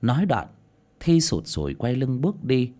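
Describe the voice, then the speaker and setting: A male audiobook narrator, telling the story expressively. His mid-pitched voice rises and falls a great deal. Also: sing-song, moderate pace, mellow.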